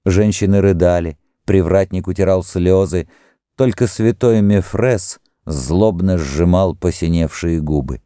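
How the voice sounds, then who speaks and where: A man narrating a classic novel as an audiobook, reading in a measured, even way. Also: low-pitched, dry recording, studio quality. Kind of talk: scripted narration.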